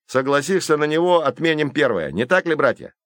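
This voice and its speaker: A man's voice: a little high, lively intonation, brisk, no echo, studio quality, voice pushed up, close to an everyday voice. A man voicing a sneering, taunting young bully who leads his brothers. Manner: mocking, taunting. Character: youngest Flint brother, sneering boy ringleader.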